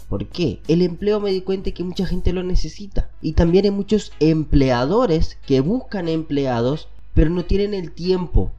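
Speaking directly to his audience, a podcast host gives a casual, conversational motivational talk in a Latin American Spanish accent, his nose stuffy from a cold. The voice is somewhat high and warm, and the sound is lo-fi.

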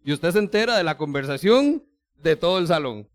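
A man's voice: a little high, lively intonation, a little fast. A male preacher giving a sermon in a conversational way, speaking straight to his listeners and acting out small everyday scenes. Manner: addresses listeners directly and formally.

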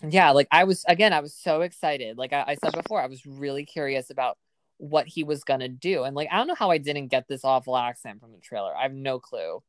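A woman's voice: a bass voice, expressive, fairly quick, dry recording. A woman hosting a casual podcast, chatting about a film and filling her talk with "like". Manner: chatty, heavy use of "like". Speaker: podcast host. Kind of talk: casual film review chat.

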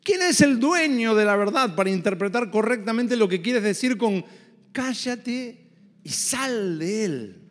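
A preacher playing a sly demon who mockingly questions what each word means. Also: male voice, high voice, animated, measured pace, big-room sound. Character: sly demon quibbling over meanings.

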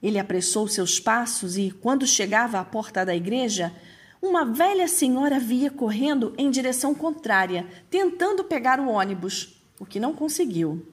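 Husky-voiced woman telling a story. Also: on the high side. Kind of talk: storytelling narration.

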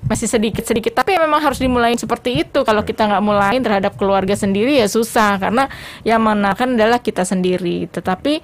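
A woman's voice: mid-range voice, fast. A woman doctor as a talk-show guest, explaining informally with everyday examples.

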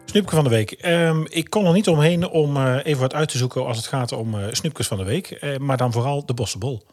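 A man from Brabant with a soft G accent, co-hosting a casual podcast in a chatty, playful way. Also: medium pitch, brisk, faint music behind. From Brabant, Netherlands. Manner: chatty, playful, laughing often. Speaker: podcast co-host. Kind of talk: casual chat.

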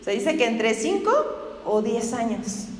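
Woman, preacher, chatty sermon, questions to the congregation, high voice, echoey church hall. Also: lively intonation, unhurried. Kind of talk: conversational sermon. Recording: echoey hall with long reverb.

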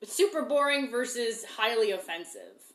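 A woman's voice: a little high, lively intonation, normal speed, a bit bright. Rambling laughing young woman, echoey room. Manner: rambling, laughing, self-interrupting. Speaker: podcast co-host. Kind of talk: casual chat over beers. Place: living room at home.

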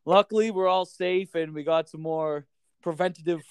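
Smooth-voiced man telling a podcast story. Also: on the high side, moderate pace, no echo, clean studio sound. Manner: swears casually, tells stories with lively quoted asides. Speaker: podcast co-host. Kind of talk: casual podcast chat.

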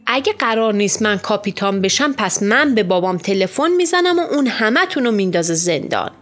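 A woman's voice: mid-range voice, expressive, fairly bright tone, natural voice. Woman voicing a petulant schoolboy. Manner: petulant threatening. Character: sulky schoolboy threatening with his dad. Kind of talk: audiobook character voice.

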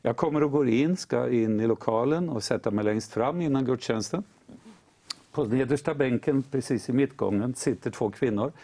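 A man recounting a personal faith testimony as a guest speaker, in an animated storytelling manner. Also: medium pitch. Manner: animated storyteller, lively rise and fall.

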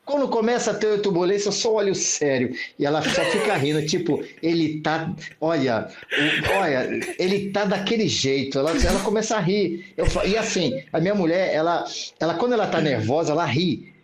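A man, a podcast guest and self-defense instructor, telling stories in a slangy, animated way and laughing often. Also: on the high side, moderate pace, a little hiss or hum. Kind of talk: casual podcast storytelling. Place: podcast studio.

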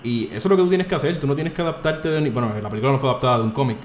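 A man's voice: mid-range voice, expressive, rapid-fire. Man, casual chat, mixes in english, echoey room, faint noise. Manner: argumentative, mixes in English words. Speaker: podcast co-host.

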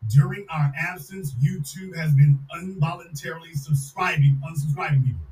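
A man's voice: a little high, normal speed, darkish tone. Ranting man host, roomy distant sound. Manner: emphatic, repeats slogans, mocking. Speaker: podcast host. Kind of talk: live-stream rant.

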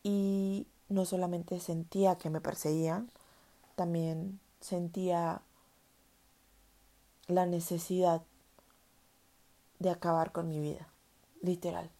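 A woman's voice: on the low side, flat delivery, takes it slowly, long pauses, warm tone. A young woman telling her own story in a candid, earnest way, repeating words for emphasis. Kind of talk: personal storytelling monologue.

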